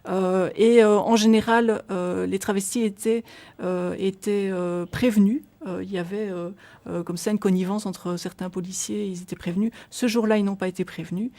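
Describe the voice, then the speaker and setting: On a radio interview, a middle-aged woman from Belgium speaks as a guest volunteering with an association. Medium in pitch, warm and steady, she talks at a normal speed, giving lengthy explanations broken up by frequent hesitations and restarts.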